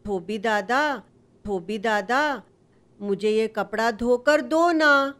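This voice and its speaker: A woman's voice: a little high, slow, a bit bright. A woman voicing a small, cheerful male mouse who pleads and boasts in a sing-song way. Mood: eager.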